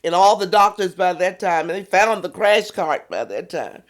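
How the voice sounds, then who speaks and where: An older woman being interviewed, calmly recounting a personal story and acting out the quoted voices of others. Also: lowish voice, moderate pace. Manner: animated retelling, voices quoted speech, soft at tense moments. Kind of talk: conversational storytelling.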